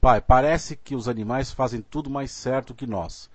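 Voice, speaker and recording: A man of middle pitch reads listeners' questions aloud, polite and deliberate. His voice sounds close and dry. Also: no echo. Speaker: host relaying audience questions. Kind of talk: question reading, live discussion.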